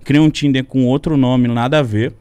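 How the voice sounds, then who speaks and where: A young man telling a story as a podcast guest, animated and slangy, with a lot of swearing. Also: mid-range voice, normal speed, clear, resonant tone. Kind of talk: casual storytelling. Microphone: studio podcast mic.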